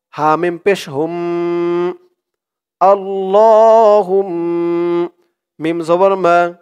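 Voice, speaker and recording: A man teaching a prayer by spelling its Arabic letter by letter and chanting each word slowly for viewers to repeat. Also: fairly high pitch. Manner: addresses viewers directly, asks them to repeat. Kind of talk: recitation lesson.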